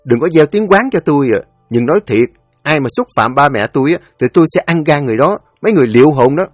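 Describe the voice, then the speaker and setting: A man's voice: a little high, lively intonation, fast talker, no echo, studio quality, soft background music. A man voicing a blunt, threatening eldest brother. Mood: stern. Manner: blunt warning tone.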